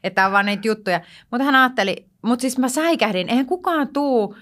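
A woman from Tampere, a stand-up comedian, chatting as a podcast guest and acting out scenes with quoted lines. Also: on the high side. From Finland, Tampere. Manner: animated storyteller, acts out scenes with quoted lines. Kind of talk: casual chat.

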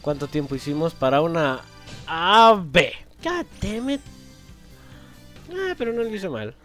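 An excitable young man talks through a video game as he plays it. His voice is fairly high and swings widely in pitch, jumping into loud swearing and laughter. Faint game music plays behind him. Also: slow pace. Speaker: gameplay commentator. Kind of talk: let's play commentary.

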